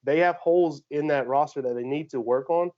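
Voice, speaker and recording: A man's voice: fairly high pitch, brisk, dark tone. A man co-hosting a sports podcast, laying out his take in casual chat with laughs and restarts. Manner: laughs while making his case, rambling restarts. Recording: dull lo-fi podcast audio.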